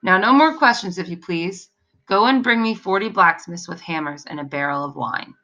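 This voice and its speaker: A fearless young soldier talks in an easy, unruffled way, as a woman reading a storybook plays him. Bright and a bit low, in the reader's own voice. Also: normal speed, lo-fi sound. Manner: calm, casual, self-assured. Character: brave, cool-headed young male soldier.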